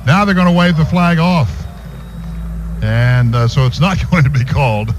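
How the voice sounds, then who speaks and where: An American man calls a football game live for radio from a stadium booth. His voice sits on the high side, expressive and at a moderate pace. The broadcast recording is noisy, with clear background noise from the stadium.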